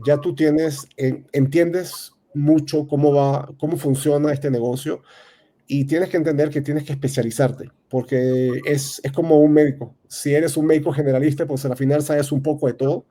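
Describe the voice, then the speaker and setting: A man in his thirties with a Venezuelan accent, a real estate advisor answering interview questions in a halting way, full of fillers and restarts. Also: fairly high pitch, mellow. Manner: hesitant, many fillers and restarts. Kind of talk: casual interview talk.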